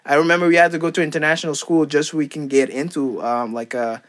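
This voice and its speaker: A young man from Curaçao chats casually, rambling and restarting often with plenty of fillers. His voice sits a little higher than most men's. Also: steady tone, quick pace. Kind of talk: casual chat.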